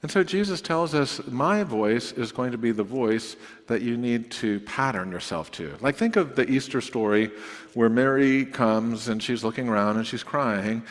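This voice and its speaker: A man preaching a sermon as pastor in a relaxed, conversational way, drifting into playful asides. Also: mid-range voice, normal speed. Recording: long hall reverb.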